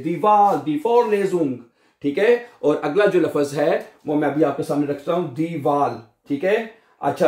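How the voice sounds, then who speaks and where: A man with a Pakistani accent teaching a German vocabulary lesson, drawing out each German word slowly and asking his students questions. Urdu is his first language. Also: fairly high pitch, a little mellow. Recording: echoey room.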